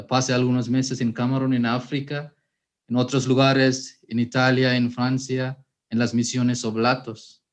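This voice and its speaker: A man, a priest and formator sharing his own story at a workshop, unhurried, with frequent hesitations and self-corrections. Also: mid-range voice, darkish tone. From Sri Lanka. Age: 30s. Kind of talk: personal testimony at a workshop.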